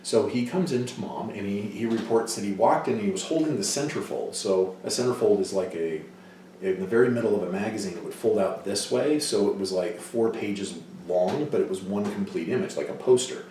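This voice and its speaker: A man gives a psychology lecture, telling case stories and acting out voices in them. His voice sits fairly low and sounds distant from the mic. The hall around him is heavily echoey, with faint noise behind. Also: a little fast. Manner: storytelling, acts out quoted voices loudly.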